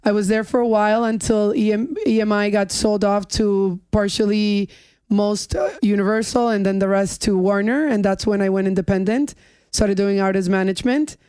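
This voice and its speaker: A woman's voice: medium pitch, steady tone, moderate pace, darkish tone, clean tone, no echo. A middle-aged woman from New York, chatting casually as a podcast guest and joking about her age. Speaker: music executive guest.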